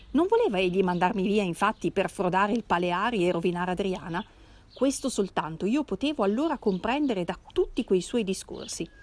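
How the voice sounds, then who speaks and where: A woman reading a classic novel aloud in an expressive, measured way. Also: medium pitch. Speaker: reader.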